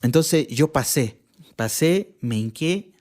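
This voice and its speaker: A man's voice: a little high, lively intonation, slow pace, darkish tone. A man from Chile, a podcast guest, telling a personal testimony in casual conversation, earnest and reflective, often restarting his sentences.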